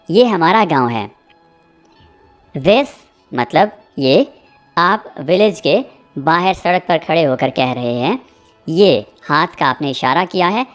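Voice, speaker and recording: A man teaching a spoken English lesson. He repeats example sentences slowly and checks in often with "theek hai.". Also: fairly high pitch, a bit bright. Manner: explains with frequent "theek hai" check-ins.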